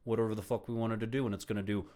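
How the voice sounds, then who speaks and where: Streamer guy, lowish voice, cussing and mocking what he watches. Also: level tone, racing, dark tone. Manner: profane, exasperated, sarcastic. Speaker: live streamer reacting to videos. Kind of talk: heated casual commentary.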